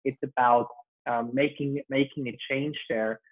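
Over a video call with thin, phone-like audio, a man hosts an interview show as a podcast host, enthusiastically asking long, rambling questions packed with fillers. His mid-range voice is fairly even in intonation and a bit slow.

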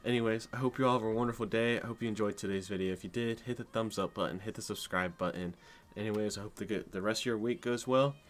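A young man commenting on his own gameplay, keyed up and shaky with adrenaline, shouting in tense moments and going soft in between. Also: on the low side, fast talker, hardly any pauses. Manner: excitable, shouts in tense moments then talks softly. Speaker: gaming video creator.

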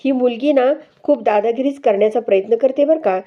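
A woman's voice: fairly high pitch, fairly quick, lo-fi sound, close to an everyday voice. A woman voicing a teasing, affectionate mother who tries to match her daughter and son-in-law. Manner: teasing, affectionate, read out plainly.

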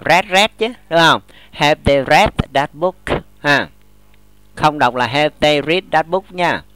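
A man, teaching English grammar in a classroom lesson, explaining slowly and often checking that students follow. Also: mid-range voice, pushed and bright, clean tone, no room sound. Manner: models English example sentences slowly.

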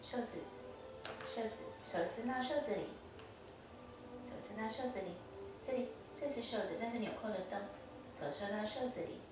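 Mother, gently instructive, repetitive toddler coaching; distant, roomy home recording with audible noise. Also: on the high side, moderate pace, long pauses. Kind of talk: coaching a toddler through play. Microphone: distant camera mic.

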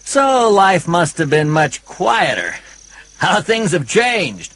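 A man's voice: high voice, sing-song, slow, fairly bright tone, pitched above the performer's own voice, full character voice. A man voicing a cheerful, polite young male pilot in a storybook read-along, chipper and jokey.

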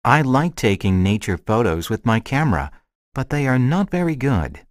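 A man's voice: medium pitch, very animated, moderate pace, no room sound, clean studio sound, natural voice. A man acting a friendly character in a scripted language lesson dialogue, with careful short sentences. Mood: friendly, measured. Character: friendly man chatting about a shared hobby.

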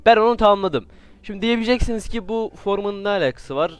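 A man giving casual, joking commentary while playing a game, with sudden excited outbursts and playful trash talk. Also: sits high, quick pace, smooth. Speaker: gaming YouTuber.

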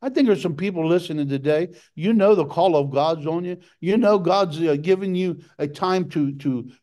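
A middle-aged man preaching a sermon with passion, his voice jumping up high for emphasis. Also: moderate pace, warm tone. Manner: impassioned preaching, jumps to a high pitch for emphasis.

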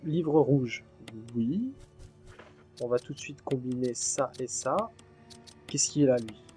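A man talks his way through a horror game, chatting to viewers and letting curses fly whenever something jumps out. His voice sits at an ordinary middle pitch, with quiet game music running underneath. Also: takes it slowly. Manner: chatty and jumpy, swears freely when startled. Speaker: gaming channel host. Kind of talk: let's play commentary.

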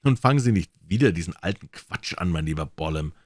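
A man's voice: low voice, lively intonation, a little fast, a little mellow, dry recording, studio quality. A man doing a curt, weary prison guard. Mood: scolding. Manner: curt, scolding.

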